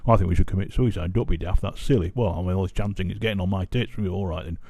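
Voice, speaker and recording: A man voicing a chatty pair of fed-up zoo giraffes, trading deadpan lines. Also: sits low, quick pace, creaky, slightly rough, dry recording, clean studio sound, exaggerated voice. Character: gossiping fed-up zoo giraffes, male and female.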